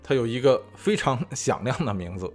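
A man's voice: mid-range voice, expressive, normal speed, darkish tone, soft background music. A man hosting a food show, explaining in a chatty way with many fillers and asides. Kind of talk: casual explainer monologue. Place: lives in California.

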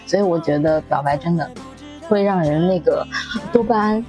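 A woman's voice: fairly low pitch, moderate pace, faint music behind. A young woman in her twenties on a podcast, telling a story with lots of laughter and acted-out quotes. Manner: animated storyteller, laughs often, acts out quotes. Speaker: podcast co-host. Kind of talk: casual chat, storytelling.

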